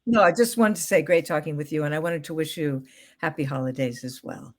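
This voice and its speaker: Woman, guest expert, casual interview, gentle, thoughtful, filler words. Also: low-pitched, brisk.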